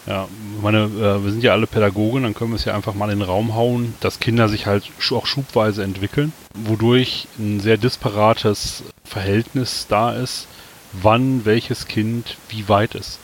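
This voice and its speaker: A man gives casual explanations as a podcast guest, pausing and searching as he goes. His voice is fairly low, with a faint hiss on the recording. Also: fairly even intonation. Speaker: podcast guest, trained educator.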